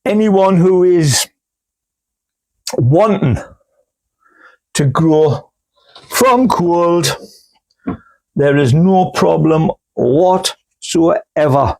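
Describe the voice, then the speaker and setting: A man's voice: a little high, expressive, drawn-out words, pauses often, darkish tone. A man chats casually as host while potting plants indoors, rambling and homely, with hiccups. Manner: rambling, homely, full of fillers. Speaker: gardening channel host. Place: indoors in a cool grow room.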